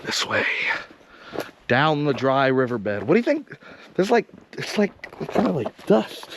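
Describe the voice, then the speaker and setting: A man's voice: medium pitch, very animated, unhurried, noisy background. Upbeat guy narrating a hike outdoors, handheld cam, chatty. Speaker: vlogger and hiking guide. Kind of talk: casual trail vlog narration. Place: outdoor hiking trail.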